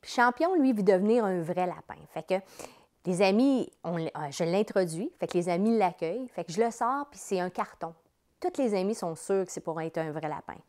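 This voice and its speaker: A Quebec-accented woman, a children's entertainer and company president, enthusiastically explains her children's show in a promotional interview. Her voice is on the low side and dark in tone, animated and brisk.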